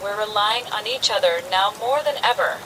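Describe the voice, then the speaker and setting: A woman's voice: medium pitch, moderate pace, close to an everyday voice. Lady acting urgent community leader on post-apocalyptic radio, earnest, medium voice, rain noise.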